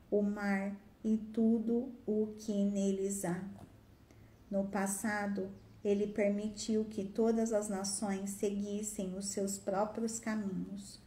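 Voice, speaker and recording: A woman's voice: medium pitch, warm tone. A woman voicing a male apostle who pleads earnestly with a crowd. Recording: roomy echo.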